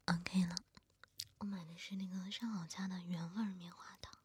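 A woman whispering softly and chattily to her listeners in an ASMR eating video, close to the microphone. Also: on the low side, steady tone, normal speed, slight background noise. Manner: soft unvoiced whispering close to the mic. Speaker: ASMR creator. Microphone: close sensitive mic.

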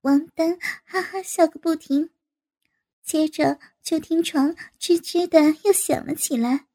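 A woman narrating a story at an unhurried pace. Her voice is high and mellow. She reads evenly and plainly. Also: steady tone. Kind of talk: slow storytelling reading.

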